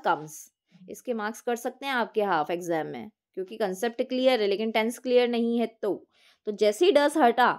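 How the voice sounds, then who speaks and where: A woman's voice: a little high, a little mellow. Woman teaching grammar. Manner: asks questions then answers them herself; reads English sentences slowly and clearly. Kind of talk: grammar lesson.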